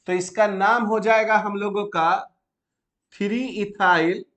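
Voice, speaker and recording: A man with a high-pitched voice teaches chemistry step by step. He slows down to spell out each name part and keeps checking in with his students. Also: fairly even intonation, a bit bright. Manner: asks students frequent check questions.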